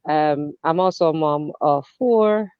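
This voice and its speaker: A woman's voice: low-pitched, a little slow, smooth, no room sound. A woman from Jamaica, a nurse, introducing herself cheerfully on an online panel. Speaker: panel guest. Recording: dry, phone-like line.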